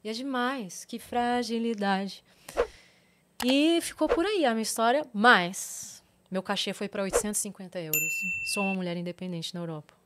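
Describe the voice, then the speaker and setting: A middle-aged woman from Brazil speaks with a Brazilian Portuguese accent in casual podcast conversation. She recounts events with lively emotion and slips into other people's voices as she quotes them. Her voice sits in an ordinary middle pitch. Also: normal speed, noisy background. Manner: animated storytelling, quotes others in changing voices. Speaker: podcast guest.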